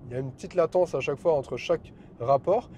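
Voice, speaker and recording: A man's voice: on the high side, fast talker, a little mellow, slight background noise. Enthusiastic man reviewing a car. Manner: enthusiastic, chatty, exclamatory.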